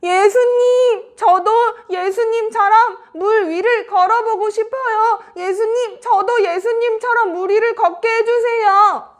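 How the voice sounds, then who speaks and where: A woman's voice: very high voice, a little slow, few pauses, pitched above the performer's own voice. A woman playing an eager impulsive disciple. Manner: eager, loud, calling out.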